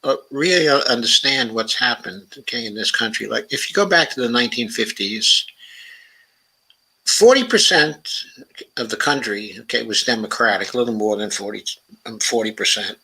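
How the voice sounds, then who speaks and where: Bright-toned man hosting a livestream. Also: medium pitch, lively intonation, husky, poor audio. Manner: thinking aloud, unhurried, sprinkles "okay" and "uh" through sentences. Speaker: talk show host. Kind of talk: casual livestream commentary, reading viewer comments.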